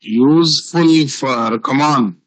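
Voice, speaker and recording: A man's voice: mid-range voice, slow. A man with a South Indian Telugu accent teaching a live online programming class, repeating key phrases and asking rhetorical questions. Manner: repetitive teaching with rhetorical questions and tag words. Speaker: software instructor.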